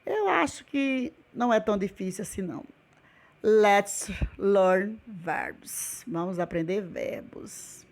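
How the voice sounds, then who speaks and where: A woman's voice: mid-range voice, animated, slow. A woman with a Brazilian Portuguese accent teaching English in a remote video lesson, patiently repeating each word and quizzing her class with questions.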